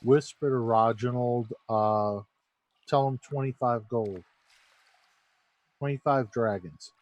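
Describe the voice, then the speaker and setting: A man's voice: mid-range voice, takes it slowly. A man talking casually as a player in a tabletop game. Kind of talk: casual chat.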